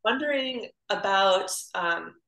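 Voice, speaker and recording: A woman's voice: mid-range voice, expressive, takes it slowly, fairly bright tone. A woman from Illinois asking a speaker questions, talking politely and hesitantly with many fillers. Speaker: audience member asking questions. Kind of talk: casual conversation. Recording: roomy echo.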